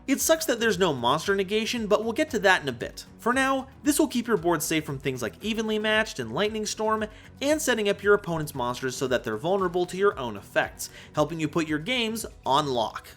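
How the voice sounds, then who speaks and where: Fairly quick and high-pitched, this man hosts a card game analysis video, reading scripted explainer narration peppered with jokes. Background music plays as he delivers it in an animated, playful, emphatic way.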